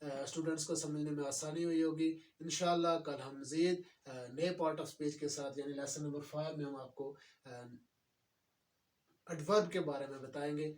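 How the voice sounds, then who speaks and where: High-voiced man teaching grammar. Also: fairly even intonation, darkish tone, recorded from a distance. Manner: explains slowly, repeating words with fillers. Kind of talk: video grammar lesson.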